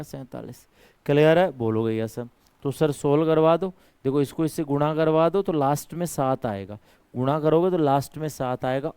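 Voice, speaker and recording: A man's voice: medium pitch, darkish tone, clear, resonant tone, no room sound. Coaxing man teaching math. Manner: coaxing, repeats prompts for students to answer; calls students by pet names and himself their brother. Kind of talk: online exam-prep lesson.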